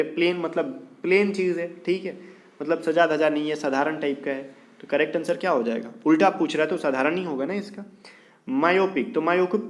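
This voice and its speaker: A man with a fairly high voice, teaching exam vocabulary. He talks casually and repeats himself, stopping often to check that students follow. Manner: casual, repetitive, keeps checking understanding. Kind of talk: explaining vocabulary answers to students.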